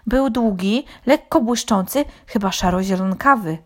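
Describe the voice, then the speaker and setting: A woman's voice: medium pitch, moderate pace, pitched above the performer's own voice, lightly acted. A woman voicing a curious, effusive female cow in a children's story.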